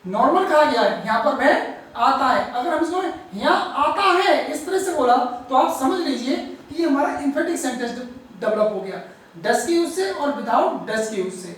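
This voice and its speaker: A woman teaching English grammar, explaining slowly, repeating words and stressing each example sentence. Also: high voice, lively intonation, a little hiss or hum. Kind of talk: grammar lesson. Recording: echoey room, far from the mic.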